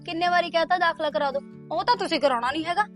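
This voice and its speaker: A woman playing a sassy, high, bright young woman. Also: very fast, soft background music. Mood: complaining. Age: young adult. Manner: sassy, argumentative. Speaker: teenage daughter. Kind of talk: short film dialogue.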